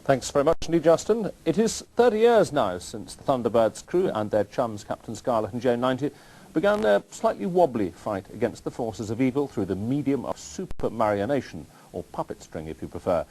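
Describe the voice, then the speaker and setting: A man reading a scripted news item with a wry, lively delivery. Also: mid-range voice, fairly quick, poor audio. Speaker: news presenter.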